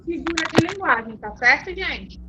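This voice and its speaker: A woman's voice: high voice, lively intonation, normal speed. A Brazilian woman teacher giving an online class, patient and checking often that her students follow. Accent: Brazilian Portuguese. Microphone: video call. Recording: muffled lo-fi video call audio.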